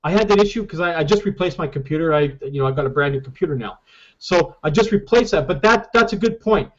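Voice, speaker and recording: A man's voice: a little high, animated, fast. Emphatic man leading a group call. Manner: emphatic, repeats "okay?" often. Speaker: network marketing team leader. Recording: dull lo-fi call audio.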